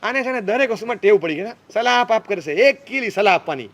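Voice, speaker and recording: A man's voice: high voice, animated, quick pace, fairly bright tone. A man giving a humorous sermon to young people, teasing and playful, mimicking parents and teenagers as he goes. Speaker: speaker addressing young people.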